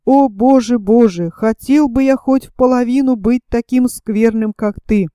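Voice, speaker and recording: A woman voicing a frightened, superstitious ragged boy who talks in anxious, pleading hushes. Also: on the high side, unhurried, clean tone, no echo, studio quality, close to an everyday voice. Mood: remorseful.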